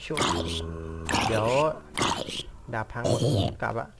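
Over loud music, a young gaming vlogger talks slowly and casually as he plays, drifting from thought to thought. He teases himself and mutters in reaction to the game on screen.

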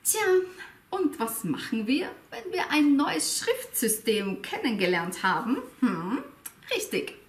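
A woman hosting an educational video, explaining with a playful, expressive manner and asking viewers rhetorical questions. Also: a little high, slow. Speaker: language teacher and video host. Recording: echoey room, faint music behind.

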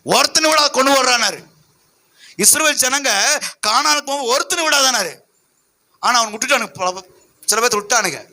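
A man's voice: very high-pitched, moderate pace, long pauses, pushed and bright. A man preaching a sermon as pastor, emphatic and full of rhetorical questions to his listeners.

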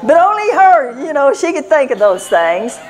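Older woman, sermon, folksy storytelling, slightly high voice. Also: sing-song, moderate pace, a faint crowd. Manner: folksy storytelling with frequent laughs. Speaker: church speaker.

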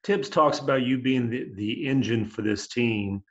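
A man's voice: mid-range voice, measured pace, muffled recording. A male reporter asking a long, rambling question over a video call. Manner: rambling, many fillers. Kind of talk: press conference question.

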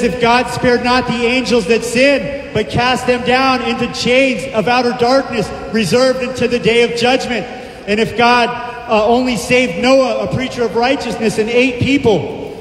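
Speaking at normal speed with a very high pitch and fairly even intonation, a middle-aged street preacher emphatically declaims scripture in a palm-lined park, often breaking into praise. His handheld mic feeds a loudspeaker, filmed from afar, so the outdoor sound is amplified and echoey with hall-like reverb and slight background noise.

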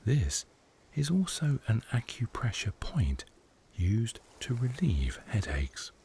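A man guiding a meditation, speaking softly in a hushed voice that often drops to a whisper. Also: mid-range voice, huge pitch swings, slow, a little hiss or hum. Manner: soft, hushed delivery, often slipping into a whisper. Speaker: meditation guide. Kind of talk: guided meditation narration.

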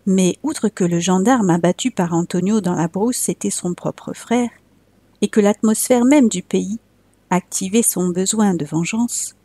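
A woman reading a classic tale aloud as a storyteller, measured and expressive. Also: medium pitch, no echo.

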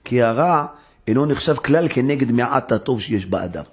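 A man giving a sermon as a rabbi in a synagogue, preaching in an animated way and acting out dialogue with sudden high-pitched exclamations. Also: slightly rough.

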